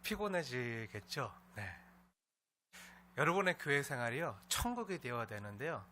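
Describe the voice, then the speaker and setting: Bright-voiced Korean pastor preaching. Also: male voice, medium pitch, very animated, normal speed, a little hiss or hum. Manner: warm storytelling with frequent "ne" fillers and scolding imitations. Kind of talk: sermon. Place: church sanctuary with congregation.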